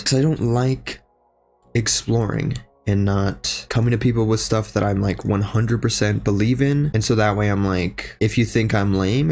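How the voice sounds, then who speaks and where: A man's voice: lowish voice, vocal fry, darkish tone. A young man with a slightly strained voice, rambling casually and self-deprecatingly at home in his basement, swearing freely and losing his train of thought. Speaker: streamer and video creator.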